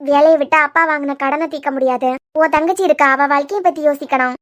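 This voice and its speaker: Cartoon role: frank young woman friend, voiced by a woman, Kanyakumari Tamil accent, very high, quick, earnest. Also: fairly even intonation, lightly acted. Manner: earnest, coaxing, quick-talking. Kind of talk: cartoon web series voice acting.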